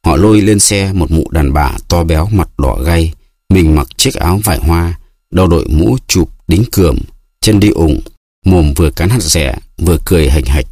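A man narrating a literary novel as an audiobook, steady and expressive. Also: low-pitched, normal speed, dry recording, studio quality.

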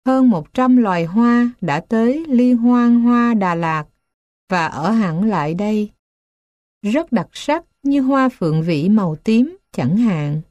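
A woman reading children's stories aloud as scripted narration, with a slow, gentle storybook manner. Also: on the high side, no room sound, lo-fi sound.

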